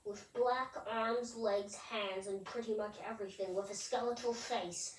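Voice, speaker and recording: A woman's voice: mid-range voice, steady tone, a little slow, far from the mic. A woman giving simple, made-up answers for a storytelling game. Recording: echoey room, off the mic.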